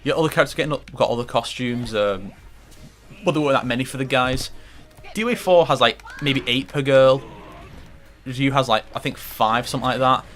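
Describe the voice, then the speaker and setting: A man's voice: mid-range voice, brisk, fairly bright tone. Rambling, swearing young man over gameplay. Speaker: gaming commentator. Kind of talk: let's play commentary.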